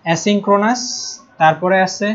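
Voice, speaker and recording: A young man with a Bangladeshi Bengali accent teaches a live online class, patiently repeating key terms and often checking "ঠিক আছে?" to see if students follow. He emphasizes spelling and pronunciation. His voice sits high at a fairly quick pace, and the highs in the audio are cut off.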